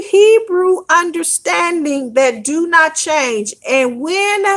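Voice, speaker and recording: A woman's voice: high voice, fairly bright tone. A woman teaching an online Hebrew lesson, explaining step by step and often checking in with "all right?".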